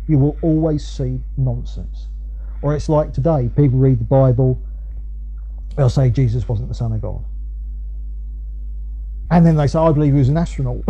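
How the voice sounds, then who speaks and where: A male preacher with an Essex accent explains scripture conversationally and with emphasis. His voice sits fairly high for a man yet is very mellow and rounded. He repeats himself to press a point and voices the arguments he quotes, on a somewhat dull, lo-fi recording. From Essex, England. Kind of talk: conversational expository sermon.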